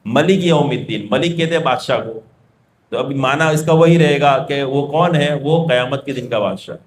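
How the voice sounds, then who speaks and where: A man's voice: medium pitch, slight background noise. Man preaching in a roomy hall. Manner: explains with everyday examples and asks his own questions. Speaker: religious preacher. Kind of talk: storytelling sermon.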